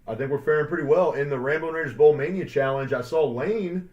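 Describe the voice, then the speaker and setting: Rambling podcast host, dull audio. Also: male voice, a little high, a little fast. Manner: rambling, filler-heavy, upbeat hype. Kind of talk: casual podcast chat. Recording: dull lo-fi sound.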